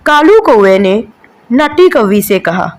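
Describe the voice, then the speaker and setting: A woman's voice: a little high, sing-song, slow, low-quality recording. A woman narrating a children's cartoon story in a sympathetic storytelling manner.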